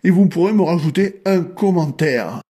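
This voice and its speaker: A man's voice: sits high, expressive, normal speed, dark tone, slightly rough. A man hosting his own coin collecting channel, friendly and instructive, explaining things to viewers step by step.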